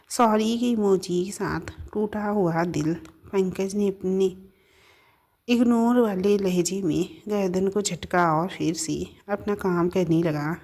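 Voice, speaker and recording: Female storyteller, lower pitch, steady scripted narration of a family drama. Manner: steady reading with occasional self-corrections.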